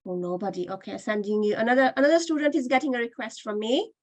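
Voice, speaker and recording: Fast-talking and fairly high-pitched, a woman teaches a Qur'an reading class online, patiently explaining and sounding out letters again and again to demonstrate them. The recording is rough, with no room sound.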